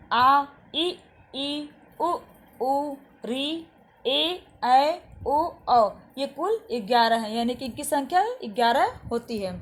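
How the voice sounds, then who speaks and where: High-voiced woman teaching children. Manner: repeats each definition slowly, asks and answers own questions. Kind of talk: classroom lesson to children.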